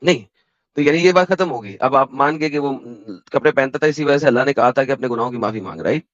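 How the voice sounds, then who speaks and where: A man with an Indian Hindi accent, hosting a heated online debate and pressing his points with rapid-fire verse references. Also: mid-range voice, animated, dry recording. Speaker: debate host. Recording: dull, dry call audio.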